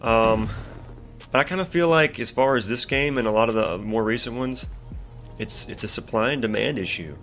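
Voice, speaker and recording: A young gaming YouTuber with a stuffy, congested nose rants casually about a video game while commentating his gameplay, rambling with plenty of fillers and restarts. His mid-range voice moves at normal speed with a slightly bright tone over soft background music.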